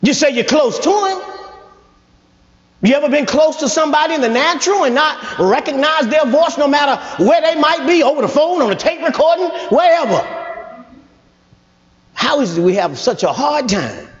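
High-voiced man preaching in an echoey hall. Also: big pitch swings, normal speed. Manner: call-and-response preaching with shouted emphasis; folksy, conversational phrasing. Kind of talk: sermon. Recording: echoey hall, dull lo-fi sound.

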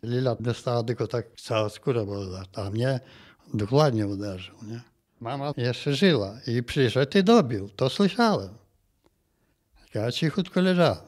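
Elderly man recounting in halting speech. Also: medium pitch. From Volhynia. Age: 80s. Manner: plain halting telling, tags phrases with "nie?". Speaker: interviewee, massacre survivor. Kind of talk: recounted personal testimony.

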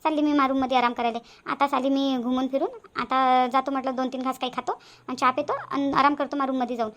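A woman's voice: sits high, steady tone, quick pace, fairly bright tone. A woman with a Varhadi Marathi accent voicing a nosy older neighbour woman who chats and gossips. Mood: chatty. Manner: gossipy and chatty.

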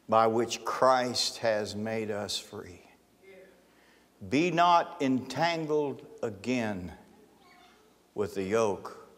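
Slow-preaching middle-aged man in a church hall. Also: fairly low pitch. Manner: emphatic, rising to forceful declarations. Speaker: pastor. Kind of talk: sermon. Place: large church sanctuary, on stage. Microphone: handheld mic, then pulpit mic. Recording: long church hall reverb with faint music.

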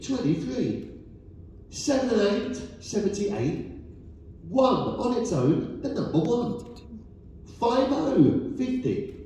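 High-pitched bingo caller in echoey hall. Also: male voice, warm tone. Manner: measured, sing-song number calls with short cheerful congratulations. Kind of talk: bingo calling, repeating each number in a set pattern. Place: bingo hall, over the caller's sound system, recorded from a player's table. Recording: very echoey hall, distant mic, noisy.

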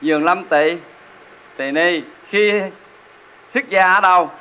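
A male Buddhist monk preaches in a temple hall. His voice is somewhat high and bright, with a forceful ring. He keeps turning to the audience with rhetorical questions. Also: takes it slowly, smooth. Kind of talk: sermon.

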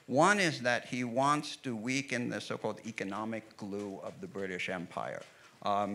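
A middle-aged American author and historian explains history in a measured way, with frequent fillers, during an onstage conversation. He speaks into a handheld mic on an outdoor veranda stage in a medium-pitched, slightly bright voice.

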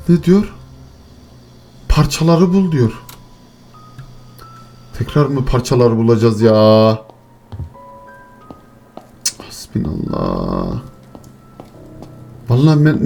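A man commentates his own horror game run, muttering nervously to his viewers. When something startles him, he swears and shrieks. His voice is high and swings wildly in pitch, with faint game music behind him. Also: darkish tone. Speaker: gaming channel host.

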